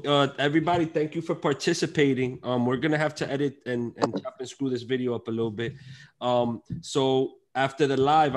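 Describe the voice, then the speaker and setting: A man runs a panel over a video call, speaking into a headset. He talks loosely, stopping and restarting with plenty of fillers. His voice sits at an ordinary middle pitch. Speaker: host and moderator.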